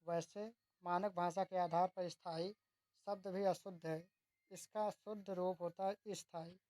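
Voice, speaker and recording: A woman's voice: on the low side, fairly even intonation, unhurried, warm tone, no room sound, rough recording. A woman tutor reads exam questions and their options aloud, then gives the answer and explains why. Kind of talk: reading quiz questions and answers.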